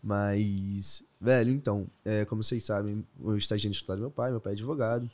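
A man's voice: on the low side, steady tone, a little fast. A young man in his twenties with a Brazilian Portuguese accent, a guest telling stories in a casual podcast interview and laughing often. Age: 20s. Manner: storytelling, laughs often, says "velho". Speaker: guest trader.

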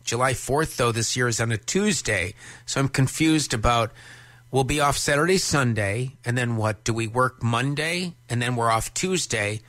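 Between tracks, a fifties-aged man working as a country radio DJ talks casually with a folksy, joking warmth. His voice is medium-pitched at normal speed, dry with no echo, over a loud music bed.

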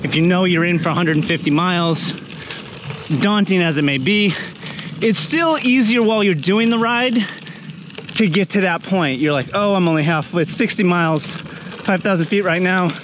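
A man's voice: sits high, moderate pace, a bit bright, slight background noise. A man in his thirties talking casually to camera while cycling outdoors, wry and a little breathless. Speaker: vlogger. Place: outdoors on a forest gravel road. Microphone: action camera on the bike.

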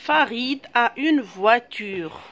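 A woman teacher giving a slow, patient phonics lesson, drawing out each syllable. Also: fairly high pitch, expressive, fairly bright tone.

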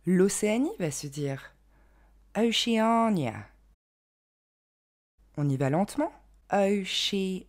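A young woman giving an online pronunciation lesson, carefully modelling each word slowly and clearly. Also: low voice, big pitch swings, warm tone. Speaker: English pronunciation teacher.

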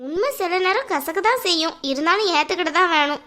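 A sharp-tongued, scornful young woman in a cartoon family drama, voiced by a woman. Her voice is high and bright, and she speaks with sarcastic bite. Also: expressive, quick pace, full character voice. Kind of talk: animated family drama dialogue.

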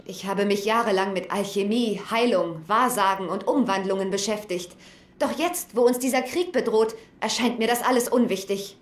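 A woman's voice: mid-range voice, normal speed, natural voice. An actress voicing a worried, grave female gnome alchemist in a dubbed video game. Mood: ominous. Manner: grave and fretful. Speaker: game character. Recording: echoey game audio.

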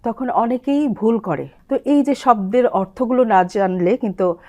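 A woman guest on a television language program, explaining pronunciation and slowly reciting short lines as examples. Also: fairly high pitch, expressive, mellow. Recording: television studio.

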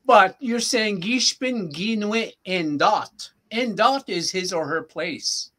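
Slow, patient male language teacher. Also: high voice, animated, pushed and bright. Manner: patient, repeats phrases slowly for the learner. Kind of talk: casual language lesson.

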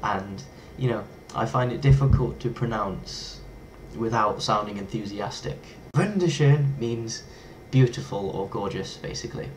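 A young adult man from England, with an English accent, chats playfully to his webcam in a small bedroom in a casual vlog. His voice is fairly low and unhurried, and he's lively, toying with foreign words. The recording is low quality, with a little hiss or hum.

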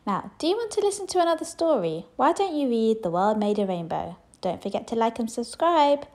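A woman reads a children's storybook aloud with expression, addressing young listeners directly. Her voice is on the high side, sing-song and a little mellow, moving fairly quickly.

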